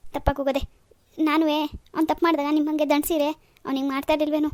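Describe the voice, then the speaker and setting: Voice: high voice, level tone, fast, dry recording, lightly acted. A voice actor playing a remorseful old mother-in-law in a cartoon, apologizing. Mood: pleading. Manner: pleading, apologetic. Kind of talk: cartoon dub.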